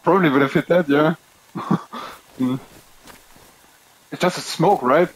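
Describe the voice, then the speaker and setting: A man's voice: a little high, measured pace, poor audio. A German man speaking English with a German accent, chatting casually and a little hesitantly while playing an online game, in a joking manner.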